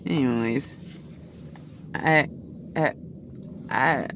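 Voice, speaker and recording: With a very deep voice and drawn-out words, a woman gives a chatty, meandering tarot reading marked by many restarts and asides. She notes that she's loud. Some slight background noise is present.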